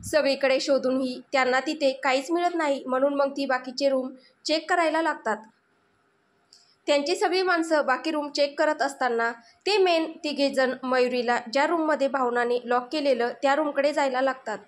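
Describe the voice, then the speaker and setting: High-voiced woman narrating a story. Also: moderate pace, a little hiss or hum.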